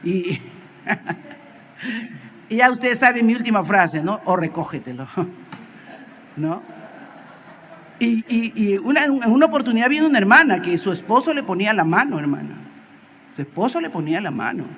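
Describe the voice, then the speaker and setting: A woman's voice: on the high side, normal speed, long pauses, a little hiss or hum. A woman teaching a Sunday school sermon, telling stories animatedly and acting out the voices of the people in them. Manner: animated storytelling, acts out quoted voices, builds to emphatic exhortation.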